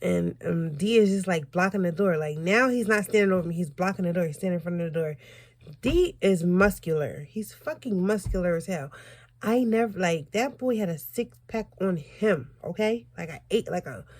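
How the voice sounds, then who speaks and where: A woman's voice: lowish voice, animated, normal speed, darkish tone, no echo. A young woman telling a casual personal story in a conversational, profane, slangy way, acting out what people said as she goes. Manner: acts out quoted dialogue. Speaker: storytelling vlogger.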